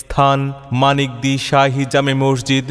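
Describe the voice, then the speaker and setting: A man with a Bangladeshi accent reading a scripted loudspeaker announcement in a declamatory, chanting cadence with drawn-out phrases. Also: medium pitch, monotone, clean tone. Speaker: event announcer. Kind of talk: scripted loudspeaker advertisement for a religious gathering. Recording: long echoing reverb, faint music behind.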